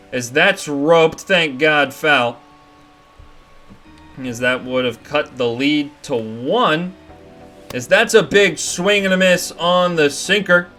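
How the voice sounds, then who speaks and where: A young man giving play-by-play commentary over a baseball video game, getting excited on big plays. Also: a little high. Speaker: gaming commentator. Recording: faint music behind.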